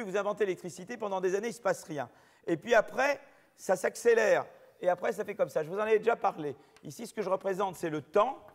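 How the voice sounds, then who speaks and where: High-voiced male professor in a reverberant hall. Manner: lively, digressive, jokes with students. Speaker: professor lecturing. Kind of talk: unscripted university lecture. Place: lecture hall.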